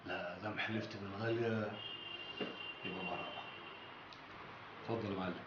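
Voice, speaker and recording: An actor playing a bullying police officer who mocks and interrogates, with an Egyptian accent. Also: male voice, low voice, fairly even intonation, brisk, lo-fi sound, natural voice. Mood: mocking. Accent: Egyptian Arabic. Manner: mocking, interrogating. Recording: echoey, noisy film audio.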